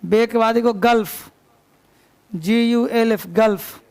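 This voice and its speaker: Man, classroom dictation, spells words letter by letter, high gravelly voice. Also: slow pace, darkish tone. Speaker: teacher.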